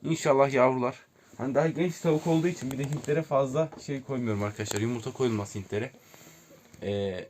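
A man casually showing viewers around his outdoor chicken coops, chatting to them as friends and calling out to his birds. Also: mid-range voice. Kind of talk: casual vlog narration. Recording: noisy outdoor audio with chickens clucking and roosters crowing. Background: hens clucking and roosters crowing.

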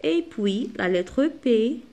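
Woman teacher, fairly high voice, patient, spells out letters for young pupils. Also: animated, drawn-out words, a little mellow. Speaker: primary school teacher. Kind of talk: recorded classroom lesson.

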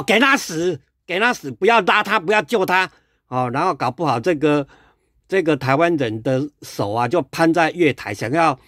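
A man's voice: mid-range voice, a bit bright, no echo, studio quality. Sarcastic Taiwanese man ranting dryly. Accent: Taiwanese Mandarin. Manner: sarcastic, heated, repetitive fillers. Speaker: political commentator. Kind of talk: casual political rant vlog.

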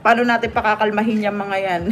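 A woman's voice: medium pitch, flat delivery, quick pace, fairly bright tone, slight background noise. A woman hosting a casual live stream, reading viewer comments aloud and laughing often. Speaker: livestream vlogger reading comments. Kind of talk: casual livestream chat. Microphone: phone or webcam on a live stream.

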